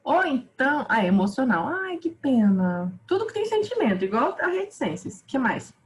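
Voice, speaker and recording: Husky-voiced Brazilian woman teaching casually. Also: high voice, sing-song, rough recording. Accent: Brazilian Portuguese. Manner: quick, informal, self-interrupting. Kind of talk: online grammar review lesson.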